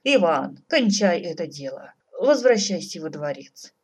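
A woman voicing a gruff, grumbling old tsar who blusters at his stubborn son. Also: fairly low pitch, very animated, a little slow, heavily acted.

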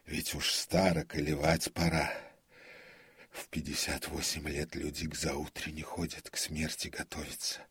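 A man's voice: very deep voice, monotone, measured pace, fairly bright tone, breathy edge, no echo, full character voice. A man voicing a frightened, self-pitying aging male stage comic in his fifties, who grumbles, mutters and cries out in fear. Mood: fearful. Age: 50s. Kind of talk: audiobook character voice.

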